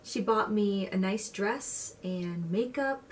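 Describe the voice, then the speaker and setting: A woman in her twenties acting a dramatic monologue as a wistful, sorrowful young woman, with a tender, halting delivery. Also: medium pitch, lightly acted. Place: plain indoor room. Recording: distant mic, faint room noise.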